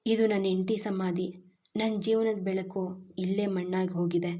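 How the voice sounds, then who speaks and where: A woman voicing a grieving widowed father in a spoken storybook, with a soft, trembling, subdued voice. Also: medium pitch, a little slow, close to an everyday voice. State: voice trembling with grief.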